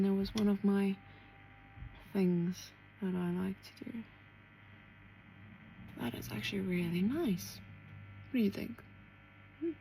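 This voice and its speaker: Woman, beauty vlogger, gravelly voice, casual makeup chat, soft asides to herself. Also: mid-range voice, slight background noise, low-quality recording. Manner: chatty, talking to herself while applying makeup, drops to soft asides.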